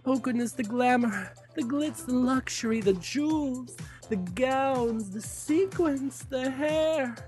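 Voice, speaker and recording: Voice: high-pitched, slow, a little mellow, faint music behind. A performer playing a campy, glamorous drag queen host, gushing theatrically through a scripted promo with exclamations. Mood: gushing, delighted.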